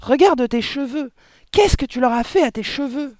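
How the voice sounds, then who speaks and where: A shrieking, hysterical mother from a storybook reading, put on by a reader. Her voice is pushed high and loud, with wild, lively swings in pitch. The sound is dry and close. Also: brisk, no echo, close to an everyday voice. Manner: shrieking, scolding. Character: shrill hysterical middle-aged mother. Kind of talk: audiobook reading.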